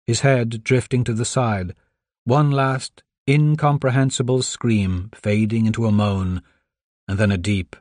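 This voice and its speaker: A man reading scripted audiobook narration in a measured, even storytelling manner on a close microphone. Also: on the low side, no room sound.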